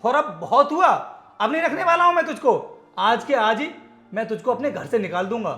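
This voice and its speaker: A man's voice: high voice, expressive, fairly quick, fairly bright tone. A man playing a scornful cheating husband. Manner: harsh, contemptuous, domineering. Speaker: company manager husband. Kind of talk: Hindi short-film acting. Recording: echoey room, music underneath.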